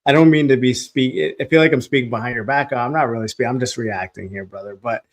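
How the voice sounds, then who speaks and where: A man's voice: medium pitch, fast talker. A man hosting a casual live reaction stream, rambling with restarts and laughing between phrases, at a desk microphone.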